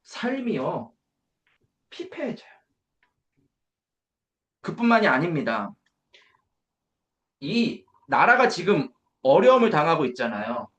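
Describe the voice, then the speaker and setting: A man's voice: on the high side, sing-song, slow, long pauses, a bit bright, roomy sound. A man preaching a sermon at an evangelism school, emphatic, posing rhetorical questions and answering them himself.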